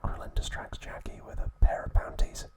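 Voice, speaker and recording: Whispering breathily throughout, the ASMR video's male host softly recaps events. He keeps his phrases short and measured.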